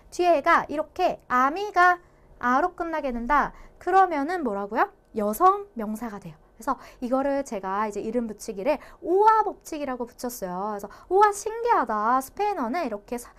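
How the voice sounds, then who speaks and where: Lively high-voiced woman teaching a lesson. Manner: explanatory, repeats key points, playful asides. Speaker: Spanish language teacher. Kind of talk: online lecture.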